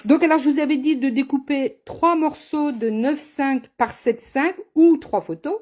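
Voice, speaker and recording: Teasing craft lady doing a live tutorial, a bit high pitched, soft warm tone. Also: normal speed. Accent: has an accent, not named. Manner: chatty and teasing, addresses viewers by name. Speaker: craft demonstrator. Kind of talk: live card-making tutorial.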